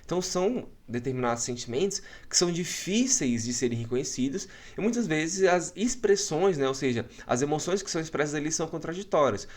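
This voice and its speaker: A man teaches an online psychology course from his home. His voice sits a little high for a man, and he explains patiently, punctuating nearly every point with a checking question to his listeners. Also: lively intonation, fairly quick, hardly any pauses. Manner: frequent checking tags, explanatory. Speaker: psychology lecturer.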